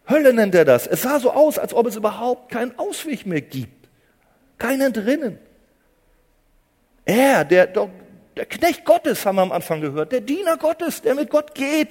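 This male preacher has a husky voice and a dramatic sermon style, dropping to hushed murmurs before building to emphatic shouts and repeating key phrases. He sounds as if he's in a large hall.

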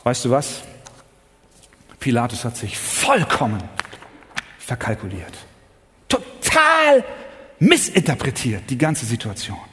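A man preaching a sermon, swinging from loud exclamations to hushed, low passages. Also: huge pitch swings, slow, long pauses, slightly rough. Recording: long hall reverb.

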